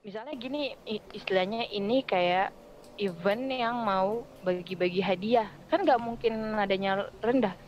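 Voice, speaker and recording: A woman's voice: mid-range voice, unhurried, dull audio, a little hiss or hum. Chatty Indonesian woman voice-over artist. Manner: chatty, explains with lively spoken examples. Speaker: radio voice-over artist and announcer, guest. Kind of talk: casual podcast chat.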